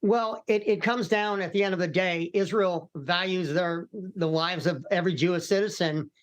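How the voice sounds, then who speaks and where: A middle-aged American man with a rather high-pitched voice speaks as a news pundit. He explains calmly, with halting repeats, like a retired commander briefing an interviewer. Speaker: retired military commander and hostage expert guest. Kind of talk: live news interview analysis.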